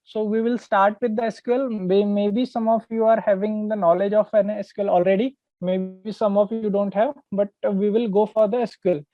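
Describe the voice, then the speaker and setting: A man's voice: sits high, flat delivery, fairly quick, few pauses, no room sound. Phone-like audio, Indian male trainer explaining. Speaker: database trainer. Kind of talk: explanatory online lesson. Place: online call with screen sharing. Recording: narrow phone-like call audio, dry.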